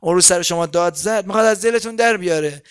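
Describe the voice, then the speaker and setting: Sly smooth-talking guy spinning a tall tale, chummy and a bit high-voiced, a preacher putting him on. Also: natural voice. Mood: persuasive. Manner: chatty, mock-intimate storytelling. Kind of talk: sermon storytelling.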